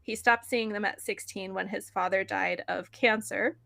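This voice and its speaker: A woman co-hosting a podcast, recapping a film in casual chat, full of "like" fillers and quick laughs. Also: medium pitch, fairly even intonation, vocal fry, a bit bright. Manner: chatty, frequent "like" fillers and laughs. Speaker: podcast co-host.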